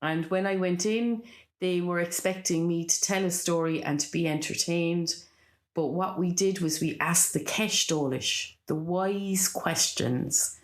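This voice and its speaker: A woman with an Irish accent, chatting and telling anecdotes in a lilting, animated storyteller's way. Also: sits low. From Ireland. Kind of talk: casual conversational storytelling.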